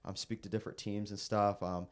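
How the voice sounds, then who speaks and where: A young man preacher sharing his testimony in a casual interview, earnest and halting with frequent restarts. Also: lowish voice, level tone. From raised in the Philippines, American. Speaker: guest preacher.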